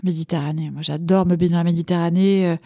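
A woman's voice: on the low side, fast talker, no room sound, studio quality. A middle-aged woman from Sweden, a podcast guest and cookbook author, chatting casually and with enthusiasm. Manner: enthusiastic, animated storytelling. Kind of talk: casual chat.

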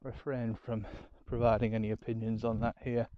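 This home-recorded diary podcast features a Yorkshire man with a fairly low, level voice at normal speed, rambling about his weekend with lots of ums and self-deprecation. The audio is lo-fi with a noisy background.

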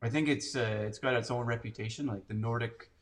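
A man in his forties from Canada talks in a loose, rambling way, stacking up fillers and starting sentences over. His pitch sits in the middle range for a man. It sounds like a relaxed conversation among friends. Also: a little fast. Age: 40s. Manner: rambling, filler-heavy storytelling. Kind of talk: casual chat.

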